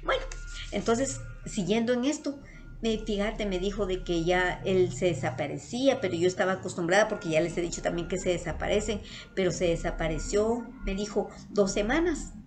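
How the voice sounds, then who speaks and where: A woman's voice: medium pitch, normal speed, darkish tone, soft background music. A woman with a Guatemalan Spanish accent, telling a personal story to her viewers in a casual, earnest way. She often repeats herself and calls her audience her loves. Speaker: vlogger.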